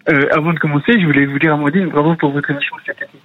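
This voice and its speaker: Fast man, distant on a speakerphone line. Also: a little high, little pitch movement. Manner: hesitant, quick-talking. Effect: distant phone line, as if on speakerphone. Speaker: radio caller. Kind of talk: call-in radio chat. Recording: tinny, muffled phone line.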